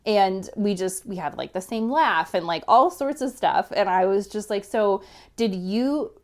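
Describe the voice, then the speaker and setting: A woman in her thirties tells a story on a podcast. She is lively and chatty, breaks into laughter often, and keeps saying "like" between thoughts. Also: mid-range voice, moderate pace. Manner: animated, laughs often, heavy use of "like". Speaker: podcast guest. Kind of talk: casual storytelling.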